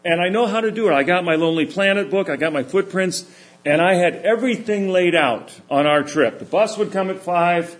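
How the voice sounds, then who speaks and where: A middle-aged man giving a sermon, telling stories in a relaxed, conversational way. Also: high voice, fairly quick. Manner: anecdotal, conversational storytelling. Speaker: preacher. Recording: echoey room.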